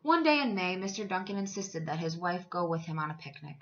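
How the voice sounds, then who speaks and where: A woman's voice: fairly low pitch, very animated, a little fast, fairly bright tone, highs cut off. A woman reading a children's story aloud as a teacher, expressively, with dramatic emphasis for young listeners.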